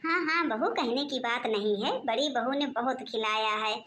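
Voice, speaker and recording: A woman's voice: a little high, moderate pace, a bit bright, a little hiss or hum, natural voice. A woman voicing a fussy, scheming old mother-in-law in a cartoon, complaining and nagging about food and her daughters-in-law. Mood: grumbling. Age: older. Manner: complaining, nagging, muttering plots to herself. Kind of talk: cartoon voice acting.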